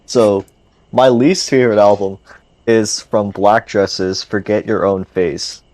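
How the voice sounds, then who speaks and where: A podcast co-host, animated and joking, who swears for emphasis. His voice sits low, and the sound is dry and close. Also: slow, no room sound. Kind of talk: casual podcast chat.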